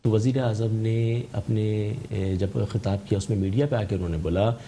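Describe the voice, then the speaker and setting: A man's voice: fairly low pitch, steady tone, warm tone, slight background noise. A man who is a guest on a political talk show, arguing his side insistently and often cutting back in to hold the floor. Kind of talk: argumentative political debate.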